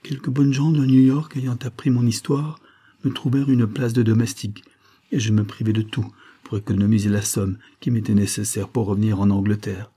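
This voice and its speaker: A man's voice: lowish voice, flat delivery, brisk, mellow, slightly rough. A man reading an audiobook voices a worn-out poor woman who pleads for pity. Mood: weary. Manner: imploring, sorrowful.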